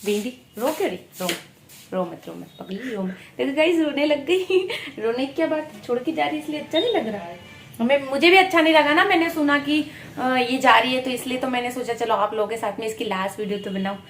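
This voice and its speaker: A young woman chats to her viewers, lively and teasing. Her voice sits fairly high and rings around a bare, echoey room, with faint noise underneath. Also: fairly quick. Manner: animated, coaxing and teasing with laughs. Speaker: vlogger. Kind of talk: casual vlog chat. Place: workplace room among staff.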